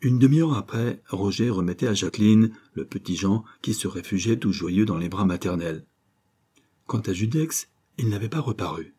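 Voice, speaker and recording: A man reading a serial novel aloud as audiobook narrator, measured and literary. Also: on the low side, animated, mellow, slightly rough. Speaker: audiobook reader.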